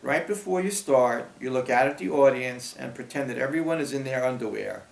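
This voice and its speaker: A man reading an audiobook, voicing a kindly, gentle father talking to his daughter. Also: medium pitch, a little fast, creaky, far from the mic, natural voice. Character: kindly father of a young girl. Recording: roomy echo.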